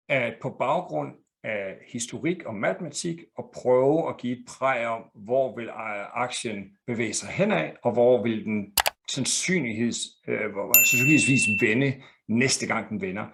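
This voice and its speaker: A man introducing a guest on a live webinar, speaking with many pauses and fillers. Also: mid-range voice, vocal fry, a bit bright. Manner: hesitant, lots of fillers. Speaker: webinar host.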